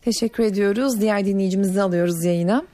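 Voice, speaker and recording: A woman's voice: mid-range voice, fast talker, warm tone, slight background noise. A woman hosting a radio call-in, formally thanking guests and bringing listeners on air. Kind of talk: brisk formal hosting of callers. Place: radio studio.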